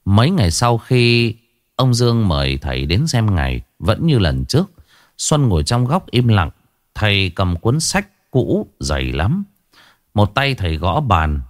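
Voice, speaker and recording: Low-voiced dramatic male storyteller. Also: no room sound, studio quality. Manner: slow, expressive, dramatic reading. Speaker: narrator. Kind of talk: storytelling narration.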